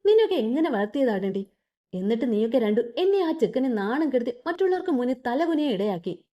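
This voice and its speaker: A woman's voice: fairly high pitch, very animated, fast, mellow. Woman doing a shaken, trembling mother. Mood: distraught. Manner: trembling, scolding. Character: shaken middle-aged mother, trembling and enraged.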